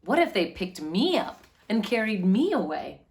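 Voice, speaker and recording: A woman with a mid-range voice reads aloud from a children's picture book, playing the storyteller, with slight background noise present. Her phrasing is lively and deliberate, and she draws her words out.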